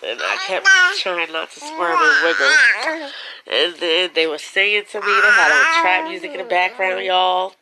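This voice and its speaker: A woman's voice: on the low side, very animated, moderate pace, over a noisy crowd, rough recording. A young woman telling a personal story to her viewers in a casual, emotional way, at times fighting back tears, with features. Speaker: vlogger.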